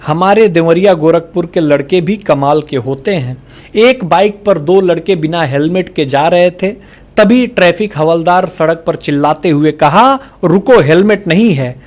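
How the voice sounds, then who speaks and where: A man's voice: a little high, unhurried. A man reading out a string of jokes and acting out the quoted lines. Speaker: joke teller.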